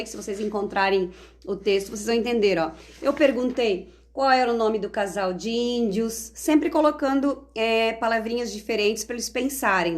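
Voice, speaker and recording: A woman teacher explains classroom literacy activities in a live online talk, checking in often with tag questions. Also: fairly high pitch.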